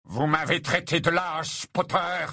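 A man's voice: a little high, animated, brisk, sharp tone, slightly rough, no echo, studio quality, heavily acted. A man voicing a cold, disdainful male wizard who mocks his opponent in a sneering tone, in an audiobook reading. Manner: sneering, mocking.

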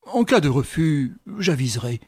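A man's voice: on the high side, very animated, moderate pace, slightly rough, no echo, clean studio sound, exaggerated voice. A man reading aloud and voicing an old army general who presses his case with emphatic, raised delivery. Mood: commanding. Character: old male army general, insistent and proud.

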